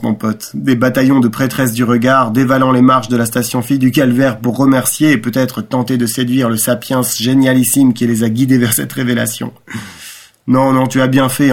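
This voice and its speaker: A young romantic man, caught up in his own ideas yet mocking himself, as a male reader performs him. His voice sits at an ordinary middle pitch, with a fervent, ironic turn. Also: natural voice. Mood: wry. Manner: impassioned inner monologue, ironic. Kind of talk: audiobook reading.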